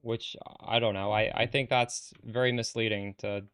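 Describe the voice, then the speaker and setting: A man's voice: fairly low pitch, fairly even intonation, moderate pace, a bit bright, clear, resonant tone. A man live-streaming a game, talking bluntly and with some exasperation as he answers chat, swearing casually.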